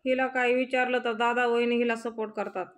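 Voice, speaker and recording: A woman reading the lines of a scheming grown man who fakes being the victim, in a plain, flat reading voice. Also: on the high side, a little fast, natural voice. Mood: whining complaint.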